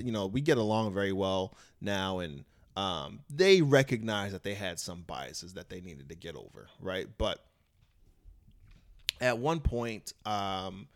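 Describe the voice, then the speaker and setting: A man talking in a casual conversation, telling a personal story in a lively way, acting out what others said and swearing now and then. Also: fairly low pitch. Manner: animated storyteller, swears, acts out quotes. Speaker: comedian guest.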